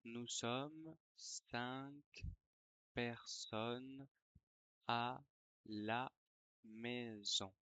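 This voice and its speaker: Very slow French dictation voice, word by word. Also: mid-range voice, steady tone, fairly bright tone, clean tone, dry recording. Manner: dictating word by word, repeating and naming punctuation. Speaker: French teacher. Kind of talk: slow dictation for language learners, repeating phrases.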